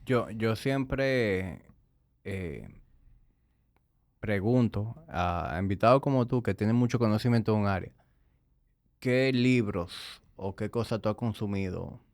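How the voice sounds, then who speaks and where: A man hosting a podcast, asking casual questions in a halting way with restarts. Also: lowish voice, lively intonation, a little mellow, no room sound, clean studio sound. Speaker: podcast host.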